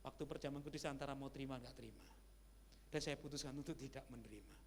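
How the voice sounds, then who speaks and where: A male pastor preaching a sermon in a conversational style, with lively asides to the congregation. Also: medium pitch, quick pace. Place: church sanctuary. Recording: church hall reverb with faint hum.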